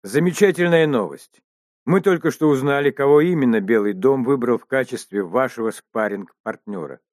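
A man voicing an excited, fawning heavyset male TV producer in an audiobook, speaking eagerly in a raised voice. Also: medium pitch, moderate pace, no room sound, clean studio sound. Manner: eager, gushing.

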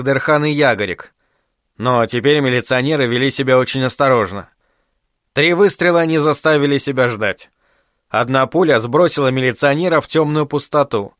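Brief: male audiobook narrator, mid-pitched, dry close studio sound, steady reading. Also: no echo. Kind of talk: scripted narration.

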